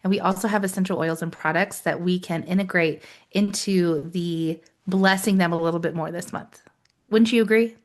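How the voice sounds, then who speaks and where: A woman's voice: on the low side, steady tone, moderate pace. A woman co-hosting a podcast, chatting in an upbeat, friendly way and speaking straight to her listeners. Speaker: podcast co-host. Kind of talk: casual podcast chat.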